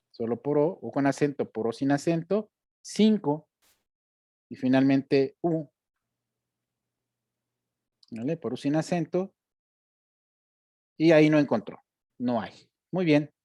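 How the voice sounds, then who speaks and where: A man's voice: a little high, warm tone, no room sound, studio quality. Man walking students through a screen tutorial. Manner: explanatory, addressing students directly with check-in questions. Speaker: instructor. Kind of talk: screen-share tutorial lecture.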